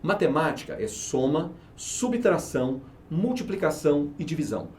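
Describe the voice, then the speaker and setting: A man's voice: a little high, big pitch swings, moderate pace, a little mellow, a little hiss or hum. A man, a company manager, explaining his teaching method in an interview, persuasive and emphatic, often answering his own rhetorical questions. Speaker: research and market manager, interview guest.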